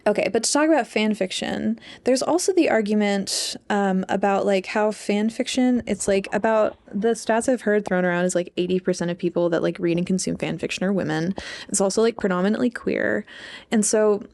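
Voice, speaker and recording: A young adult woman, an English PhD student, co-hosts a podcast in casual, rambling chat full of "like." Her medium-pitched voice is brisk and darkish, with vocal fry.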